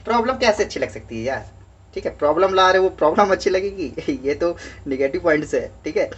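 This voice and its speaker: A male teacher with a scratchy throat walks through a worksheet in casual chat, reading English lines slowly and saying "okay" again and again. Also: a little high, lively intonation, husky, highs cut off. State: scratchy throat, heavy-headed. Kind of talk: casual Hindi worksheet walkthrough.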